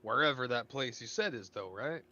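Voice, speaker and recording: A man's voice: medium pitch, animated, moderate pace, pushed and bright, dull audio. A man in a tabletop game, playing his character in a curious, polite way. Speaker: player.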